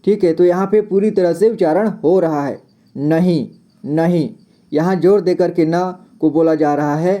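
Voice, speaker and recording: A man leads a casual spoken reading lesson at a slow, patient pace. His voice is very dark and mellow. He says each word again and again, spells it letter by letter and keeps checking in with a quick "okay.". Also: a little high. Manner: patient, repeats words and spells them letter by letter; fills gaps with a frequent 'okay'. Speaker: teacher.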